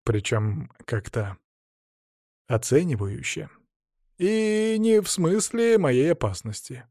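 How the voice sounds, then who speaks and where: A man reading a first-person story aloud with a wry, expressive delivery. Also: a little high, slow, no room sound, studio quality. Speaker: audiobook reader. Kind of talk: scripted first-person narration.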